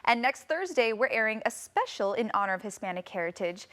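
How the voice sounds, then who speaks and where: A woman's voice: fairly high pitch, sing-song, fairly quick, a bit bright. A young woman in her twenties hosting a studio TV talk show, upbeat and gushing as she interviews a guest. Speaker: TV show host. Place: TV studio set. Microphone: lapel mic.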